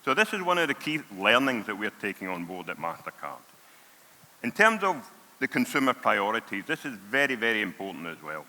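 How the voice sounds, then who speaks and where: A man's voice: lowish voice, sing-song, brisk, sharp tone. A man with a broad Scottish accent giving a conference presentation in an emphatic way, often repeating words for stress. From Scotland. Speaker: conference speaker, payments product lead. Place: on stage in a large hall. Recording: reverberant large hall sound.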